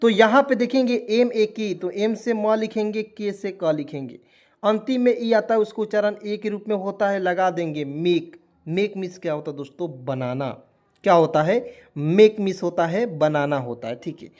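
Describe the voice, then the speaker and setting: High-voiced man teaching spelling. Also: normal speed, darkish tone. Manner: repeats questions to viewers, spells words letter by letter. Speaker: English teacher. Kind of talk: spoken lesson.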